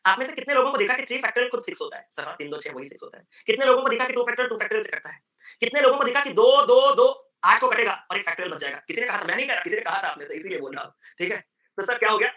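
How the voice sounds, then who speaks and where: A man teaching a maths lesson, animatedly explaining and acting out a student's replies in a softer voice. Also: high voice, very fast. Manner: animated, swings between loud explaining and a quiet mock-student voice. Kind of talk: exam-prep lecture with acted student dialogue.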